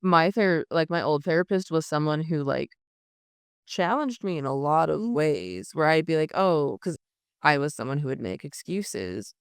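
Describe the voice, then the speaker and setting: A woman's voice: sits low, lively intonation, moderate pace, smooth, dry recording, studio quality. Blunt joking woman from Utah. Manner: joking, blunt, swears casually. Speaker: podcast co-host. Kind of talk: casual chat.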